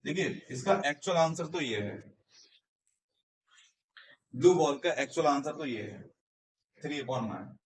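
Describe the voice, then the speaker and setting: A man's voice: fairly high pitch, lively intonation, measured pace, pauses often. A male math teacher giving a Hindi-English classroom lesson, explaining step by step and asking and answering his own questions. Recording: echoey room, mic at a distance.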